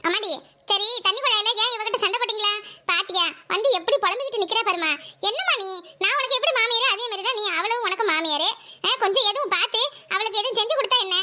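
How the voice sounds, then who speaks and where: A woman's voice: very high-pitched, fast talker, pushed and bright, exaggerated voice. A woman voicing an older cartoon mother-in-law, soothing and scolding by turns. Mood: reasoning.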